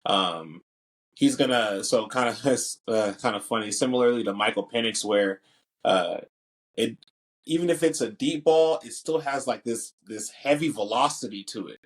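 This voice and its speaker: A man's voice: mid-range voice, animated, moderate pace. A young man co-hosting a casual sports podcast, talking in loose, slangy bursts full of fillers. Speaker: podcast co-host.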